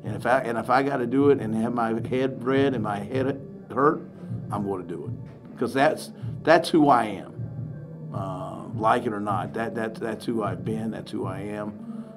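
A man's voice: fairly low pitch, measured pace, music in the background. A middle-aged man, a head basketball coach, talking candidly and animatedly at a postgame press conference, often restarting his words. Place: press room in front of a sponsor backdrop. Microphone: table mic on a stand.

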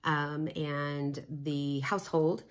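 A woman's voice: low voice, level tone, slow. A young woman co-hosting a home vlog, telling stories with many fillers while she is sick with a cough. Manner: chatty storyteller, many fillers. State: sick with a cough, short of breath. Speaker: vlog co-host. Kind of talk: casual chat.

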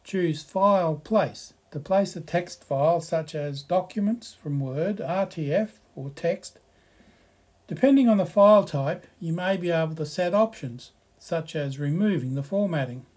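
Male tutorial narrator, slightly higher voice, relaxed explanatory delivery over slides. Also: a little slow. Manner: relaxed, explanatory, reads slides aloud with asides. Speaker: software tutorial presenter.

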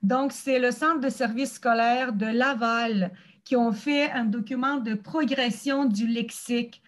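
Higher-voiced woman hosting a teachers' meeting. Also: fairly even intonation, unhurried. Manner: explanatory, searching for words. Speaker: host of a teachers' community meeting. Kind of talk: online meeting presentation.

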